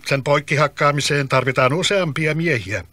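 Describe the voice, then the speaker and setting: Clever young boy, self-assured, brisk, read by a man; raised pitch, dry close sound. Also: sharp tone, no room sound. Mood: defiant. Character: clever, bold young woodcutter's son. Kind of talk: storybook reading.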